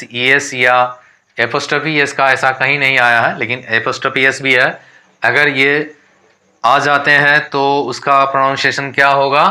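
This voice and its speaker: Bright-voiced Indian man teaching English. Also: mid-range voice. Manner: spells words letter by letter, repeats and drills. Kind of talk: explanatory lesson.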